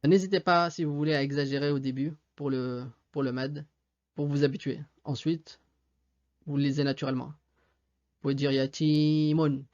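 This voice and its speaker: A man's voice: medium pitch, steady tone, normal speed, a little mellow, highs cut off. A male teacher giving a reading lesson, patiently spelling out sounds letter by letter. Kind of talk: slow step-by-step reading lesson. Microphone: desktop USB mic.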